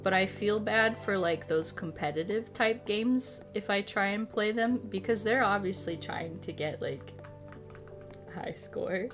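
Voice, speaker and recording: Over background music, a woman streamer talks to her gaming stream viewers at a measured pace in a medium-pitched, slightly bright voice. Her casual chat is rambling and repetitive, and she swears freely.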